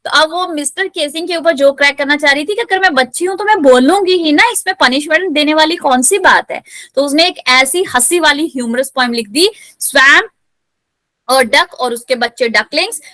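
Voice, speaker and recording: A woman teacher explaining a textbook lesson, switching between Hindi and English, reading lines slowly and then explaining them in a lively way. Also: high-pitched, no echo. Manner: lively, acts out the story's voices.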